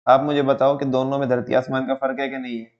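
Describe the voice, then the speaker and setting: A young man lectures a class, spinning little stories and putting on quick voices for the people in them. He keeps checking in with his students. His voice sits in a middle range, and the recording is a bit muffled. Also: mid-range voice, little pitch movement. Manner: storytelling, asks students questions, acts out quotes. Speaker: teacher. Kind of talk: lively classroom lecture with acted examples.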